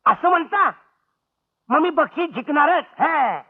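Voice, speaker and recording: A cheeky young village prankster, teasing and laughing quickly. His voice sits very high and bright, and the old film soundtrack is thin and tinny like a phone line. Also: expressive. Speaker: village playwright and joker. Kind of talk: 1980s film comedy acting.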